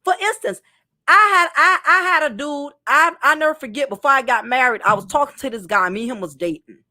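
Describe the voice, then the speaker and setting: A woman's voice: sits high, expressive, brisk, bright, forceful tone. A woman from New York giving a blunt, profane casual commentary monologue to her viewers. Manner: blunt, profane, with mimicked voices. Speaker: content creator.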